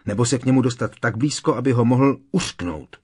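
A man's voice: mid-range voice, a little mellow, husky, voice pushed up, natural voice. A man voicing a sulky, jealous teenage boy wizard who sneers and snaps, in an audiobook reading. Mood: jealous, sneering. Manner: sneering, snapping.

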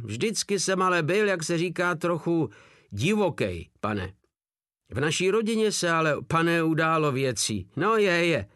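Casting: man playing a cheeky rough soldier, mock-formal, voice leaping high and low, dry sound. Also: fairly bright tone, dry recording. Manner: mock-respectful, jumpy pitch.

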